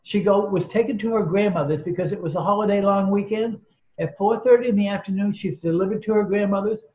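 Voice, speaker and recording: A fast-talking man with a high-pitched voice tells earnest, emphatic stories as an interview guest, quoting and acting out the people in them. The recording sounds roomy, dull and lo-fi.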